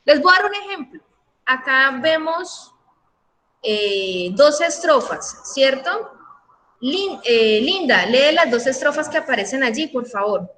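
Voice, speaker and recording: A woman teacher giving an online class. She speaks affectionately, keeps checking in with her students and spells word endings out slowly. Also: sits high, sing-song, a bit bright, poor audio.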